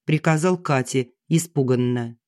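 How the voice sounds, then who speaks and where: A narrator reading a story aloud in steady audiobook narration. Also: mid-range voice, measured pace, no echo, clean studio sound.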